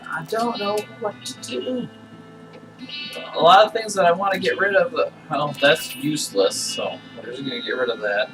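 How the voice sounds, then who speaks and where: A man's voice: fairly high pitch, moderate pace. A man giving casual playthrough commentary, thinking aloud in a playful mutter as he plays. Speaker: gamer playing and narrating a game. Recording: distant mic, game music behind.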